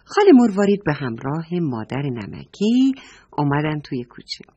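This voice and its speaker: A woman's voice: low-pitched, very animated, mellow, husky, highs cut off. A woman narrating a children's story, talking affectionately to young listeners.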